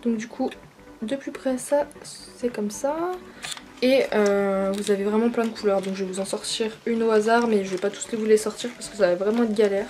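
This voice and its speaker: A woman's voice: mid-range voice, fairly even intonation, moderate pace, mellow, distant mic. A young woman chatting through a casual vlog from a bedroom, hesitant with many fillers and apologies. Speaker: beauty vlogger. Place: her mother's bedroom, indoors. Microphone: camcorder mic.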